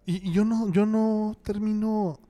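A man's voice: sits high, steady tone, unhurried, mellow. A young Mexican man with a Mexican Spanish accent, telling slangy anecdotes with laughs in a casual chat.

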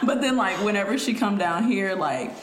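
A woman's voice: medium pitch, lively intonation, moderate pace. A woman co-hosting a casual podcast, telling stories and laughing a lot. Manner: laughing, storytelling. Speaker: podcast co-host. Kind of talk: casual group chat. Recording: echoey room with faint noise.

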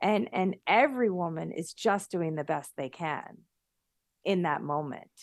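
A woman's voice: on the low side, unhurried, no room sound, clean studio sound. A middle-aged woman talking earnestly in a conversational interview over a remote call, often restarting her sentences. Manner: earnest, animated, many restarts. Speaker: guest.

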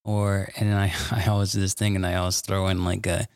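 A man's voice: low-pitched, little pitch movement, a little fast, creaky, clean tone, no room sound, studio quality. A man in his thirties co-hosting a podcast, telling playful family stories in a rambling way with lots of fillers. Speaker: podcast co-host. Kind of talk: casual family chat.

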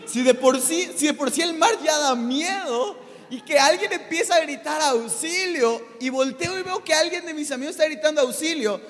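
A man preaching a sermon, telling a personal story in an animated way and putting questions to the congregation. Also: very high voice, a little fast, big-room sound. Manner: animated, addresses the audience with questions.

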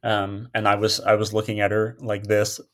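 A man's voice: lowish voice, completely flat delivery, normal speed, a bit bright. A man in his twenties with a slight lisp, chatting casually and ramblingly as a podcast co-host. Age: 20s. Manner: rambling, full of restarts and fillers. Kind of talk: casual chat.

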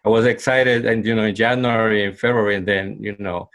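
Deep gravelly man from El Salvador. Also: flat delivery, brisk, a bit bright. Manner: hesitant, with frequent fillers. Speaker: union organizer. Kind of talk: interview answers.

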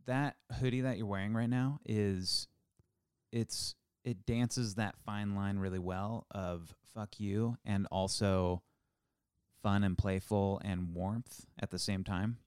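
A man's voice: lowish voice, steady tone, slow pace, a little mellow, clear, resonant tone, dry recording, clean studio sound. A man in his forties co-hosting a podcast, chatting casually with playful teasing and rambling restarts. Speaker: podcast co-host. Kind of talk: casual chat.

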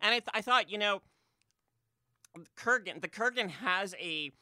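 A man's voice: high voice, unhurried, no echo, studio quality. A man co-hosting a podcast, talking casually about a film with lots of fillers and restarts. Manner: animated, filler-heavy, frequent restarts. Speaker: podcast co-host.

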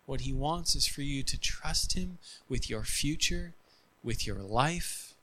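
A man preaching a sermon as pastor, earnest and emphatic, leaning on repetition, and closing in soft, quiet prayer. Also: mid-range voice, expressive, takes it slowly, low-quality recording.

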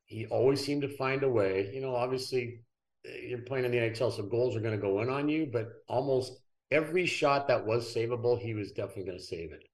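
A middle-aged man, a former pro athlete, telling relaxed, rambling anecdotes as a podcast guest. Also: medium pitch. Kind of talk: casual interview storytelling.

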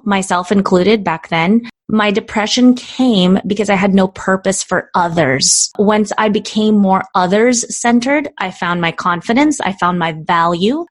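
Woman in her thirties, from the Philippines, podcast guest, reflective, expressive. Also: medium pitch. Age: 30s. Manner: expressive, reflective, casual fillers like "like". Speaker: guest, business coach. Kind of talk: interview conversation.

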